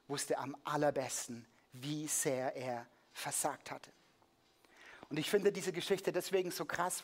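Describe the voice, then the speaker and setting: A preacher giving a lively sermon in a church, telling a Bible story, joking with the congregation and acting the scene out with a prop. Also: mid-range voice.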